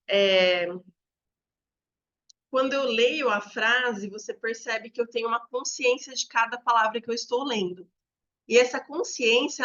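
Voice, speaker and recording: A woman's voice: fairly high pitch, a bit bright, dull audio. A woman educator, explaining to teachers and demonstrating examples aloud.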